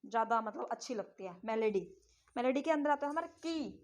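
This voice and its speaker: Woman teacher, high voice, classroom lecture, teasing and scolding students. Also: animated, brisk.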